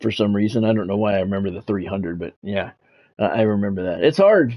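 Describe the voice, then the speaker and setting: Animated and fast-talking, a middle-aged man with a lowish voice calls a sports game like a radio sportscaster, heard through lo-fi audio. As a game streamer, he chats with viewers and repeats phrases for emphasis.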